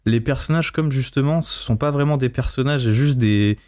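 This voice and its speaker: Man, casual film discussion, blunt, dismissive, colloquial, average pitch, dry recording. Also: moderate pace, a little mellow, no room sound.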